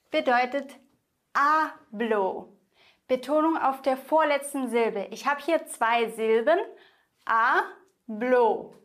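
A young woman gives an online language lesson in a somewhat high voice. She speaks slowly and deliberately, repeating each example word so the listener can say it after her. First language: German. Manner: slow, careful, repeats example words for the listener to echo. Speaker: Spanish pronunciation teacher.

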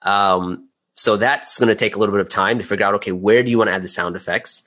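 Speaking fast in a low voice with a fairly bright tone, a man explains things conversationally as an interview guest. He's an audio drama creator and voice actor who lays things out step by step, punctuating with rhetorical "right?" check-ins.

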